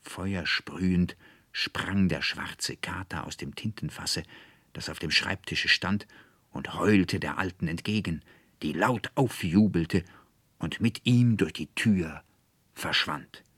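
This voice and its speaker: A man reading a fairy tale aloud as a measured, theatrical audiobook narrator. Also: deep voice, a bit bright, husky, no echo. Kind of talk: dramatic literary reading.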